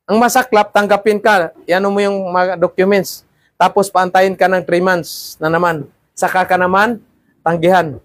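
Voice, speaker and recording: A man's voice: high voice, flat delivery, moderate pace, dry recording. A man teaching a class of seafarer trainees, lecturing and often checking in with "ha?" and "di ba?". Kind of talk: classroom talk.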